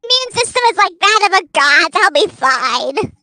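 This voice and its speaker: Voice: very high voice, sing-song, moderate pace, pushed and bright, no room sound. A friend joining a stream in casual chat, playful and teasing.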